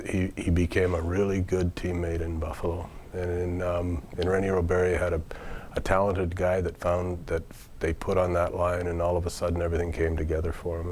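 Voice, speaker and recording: A man with a very deep, flat voice talking in a measured documentary interview. A faint room ambience sits behind him. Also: a little hiss or hum.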